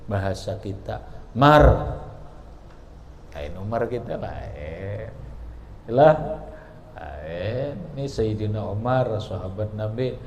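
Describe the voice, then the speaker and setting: Slow Banjar-accented kiai teaching. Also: male voice, fairly low pitch, dark tone, a little hiss or hum. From South Kalimantan, Indonesia. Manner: reads Arabic phrase by phrase, then explains in local dialect; pauses often to quiz students. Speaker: kiai teaching a kitab class. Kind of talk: traditional religious book lesson. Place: Islamic boarding school study hall.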